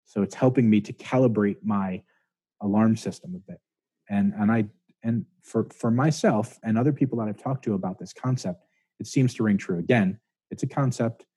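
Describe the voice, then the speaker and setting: A man's voice: lowish voice, moderate pace, mellow, slightly rough, no echo. A man, a chiropractor guest on an interview podcast, explaining ideas at length in a thoughtful, hedging way. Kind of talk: casual interview talk.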